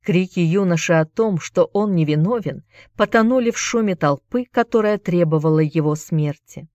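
A woman reading a novel aloud as an audiobook narrator, in an even, measured storytelling manner. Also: lowish voice, no room sound, dull audio. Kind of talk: scripted narration.

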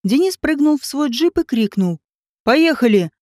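A woman reading a novel aloud as an audiobook narrator in a steady storytelling manner. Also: sits high, moderate pace, dry recording, clean studio sound. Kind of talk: scripted narration.

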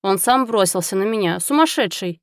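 A woman's voice: medium pitch, expressive, a little fast, clean tone, no echo, clean studio sound, close to an everyday voice. A woman voicing a stern, domineering male prosecutor who growls his lines. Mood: firm. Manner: growling and menacing.

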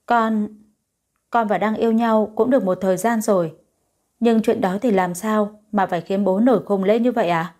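A woman's voice: medium pitch, steady tone, normal speed, darkish tone, close to an everyday voice. A woman voicing a stubborn, emotional young woman in an audio story, speaking in a pleading way. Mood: defiant.

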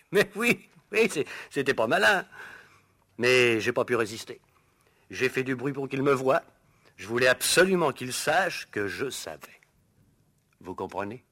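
An actor in an old French radio show playing a resentful, gossipy household servant who is hesitant, evasive and insinuating under questioning. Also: male voice, on the low side, big pitch swings, moderate pace, long pauses, sharp tone, heavily acted. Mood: excited, gloating.

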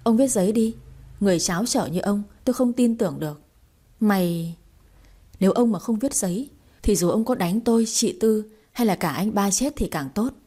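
A woman's voice: mid-range voice, animated, warm tone, breathy edge. A woman voicing a fierce, defiant young sister. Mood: defiant fury. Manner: fierce, accusing, rapid.

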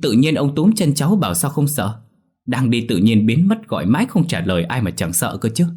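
A man's voice: lowish voice, lively intonation, brisk, husky. A man playing a panicky young grandson. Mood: cheeky pleading. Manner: shouting, panicked. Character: cheeky, easily scared young grandson.

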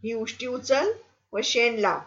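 A woman's voice: a little slow, fairly bright tone, lo-fi sound. A woman voicing a harsh, scolding innkeeper's wife who nags and insults. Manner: shrill, nagging, insulting.

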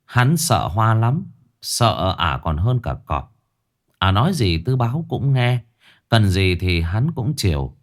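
A male storyteller narrates a horror tale in a low voice. His delivery is animated and dramatic, with a wide, swinging pitch. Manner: lively, dramatic reading.

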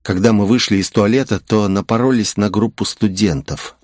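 A man's voice: lowish voice, steady tone, moderate pace, a little mellow, no echo, clean studio sound. A man narrating a first-person novel in a wry, musing manner. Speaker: audiobook narrator.

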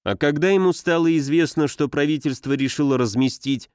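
A man's voice: a little high, brisk, darkish tone, clean tone, no room sound. Male audiobook reader, dry sound. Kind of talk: scripted narration.

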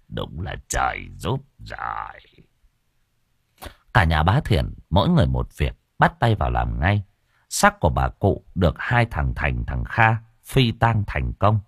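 A man narrating an audiobook in an expressive, animated way. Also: low voice, husky, no room sound, studio quality. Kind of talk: storytelling narration.

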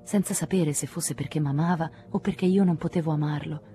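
A woman narrating a literary novel in the first person, measured and intimate. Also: deep voice, fairly even intonation, warm tone, faint music behind. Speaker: audiobook narrator.

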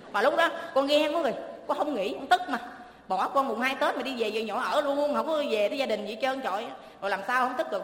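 A woman's voice: a little high, a bit bright, a little hiss or hum. A middle-aged woman with a Southern Vietnamese accent, telling her own life story in an emotional, pleading rush of words. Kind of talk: emotional personal testimony. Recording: echoey hall with faint ambience.

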